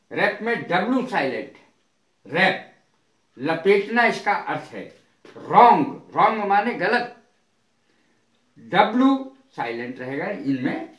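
A man teaching an English lesson, speaking deliberately and spelling words out letter by letter. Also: a little high, big pitch swings, fairly bright tone, reverberant. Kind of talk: spoken language lesson.

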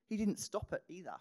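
A middle-aged woman preaching a sermon in an animated way, acting out her own thoughts and dropping into whispered asides. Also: lowish voice. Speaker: pastor.

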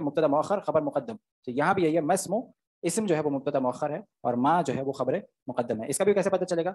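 A man teaching Arabic grammar in an online class. His voice sits fairly high, and he explains patiently, step by step, stopping often to check that his students follow. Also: darkish tone, slightly rough.

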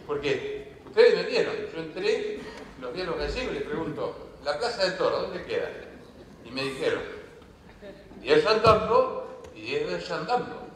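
A man's voice: a little high, very animated, normal speed, long pauses, distant mic, slight background noise. Rambling older Argentine man on stage. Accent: Rioplatense Spanish. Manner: rambling, jokey, laughing at himself. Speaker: sketch comedian. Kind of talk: improvised stage sketch. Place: large theater stage. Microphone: far room mics. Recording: echoey theater hall from afar.

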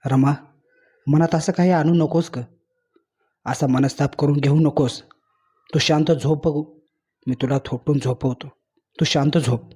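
A man voicing a grieving husband in a spoken story, gentle and remorseful in tone. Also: a little high, fairly even intonation, measured pace, pauses often, slightly rough.

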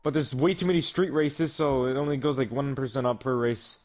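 A man's voice: mid-range voice, steady tone, a little fast, highs cut off. A young man in a casual game chat, eager to explain the game to friends. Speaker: gamer in a party chat. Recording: game music under the voice.

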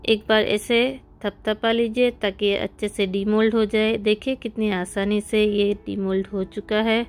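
A woman's voice: medium pitch, level tone, normal speed. A woman hosting a cooking channel, giving friendly step-by-step recipe instructions in a voice-over. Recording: soft background music.

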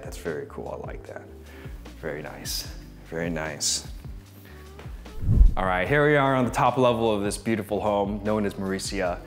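A man in his thirties giving a casual walk-through home tour as a gushing, admiring real estate agent. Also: mid-range voice. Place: inside rooms of a modern house, briefly on its balcony.

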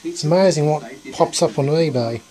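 An Australian man chatting casually and enthusiastically as a vlogger, with a halting delivery. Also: a little high, mellow, low-quality recording. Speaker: YouTube vlogger. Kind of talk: casual chat over footage being filmed. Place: dim cluttered room at home, indoors. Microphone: handheld camera, held by the speaker. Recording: TV chatter behind the voice. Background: television playing old tape.

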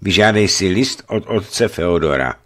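A man's voice: sits low, expressive, fairly bright tone. A man voicing a stern, commanding old bishop who speaks solemnly.

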